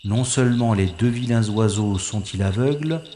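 This narrator-hero's inner monologue comes in a warm, natural voice on the low side, delivered at a moderate pace. He portrays a secret agent who wryly mocks himself while recounting his mission in an audio drama. The sound is roomy with slight background noise.

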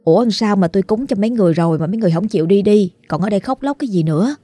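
A woman voicing a gruff, fed-up middle-aged village man, talking in blunt irritated bursts. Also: mid-range voice, lively intonation, racing, dark tone, no echo, close to an everyday voice.

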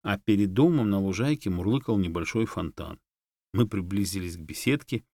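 A male audiobook reader with a lowish voice, narrating a story calmly and steadily. The sound is dry and close, with no echo. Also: moderate pace. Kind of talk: scripted narration.

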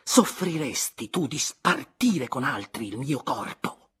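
A man reading aloud and voicing an anguished young noblewoman, pleading and often breathy and whispered. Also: medium pitch, lively intonation, slow, a bit bright, voice pushed up, exaggerated voice. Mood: desperate. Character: anguished young noblewoman, tender yet wounded.

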